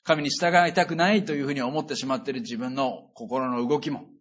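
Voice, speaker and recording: Husky-voiced man preaching earnestly. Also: medium pitch, steady tone, a little fast. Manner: earnest, conversational preaching with emphatic sentence endings. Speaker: pastor. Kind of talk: sermon. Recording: dull lo-fi recording.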